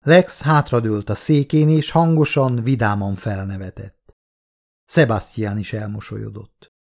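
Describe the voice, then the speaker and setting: A male audiobook reader giving steady, measured narration of a novel. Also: on the low side, creaky. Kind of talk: scripted narration.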